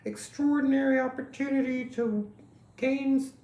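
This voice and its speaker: A man putting on a very high, sugary voice to play a gushing, starry-eyed dreamer. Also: fairly even intonation, normal speed, a little mellow, highs cut off. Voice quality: very high-pitched put-on voice. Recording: roomy echo, faint ambience.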